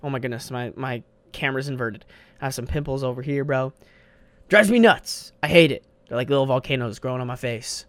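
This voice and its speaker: Alone on his podcast, a young man talks into a desk-mounted studio mic in a loose, profane, slang-filled monologue, saying "bro" again and again. He has a mid-range voice, speaks fairly quickly, and there's no room sound.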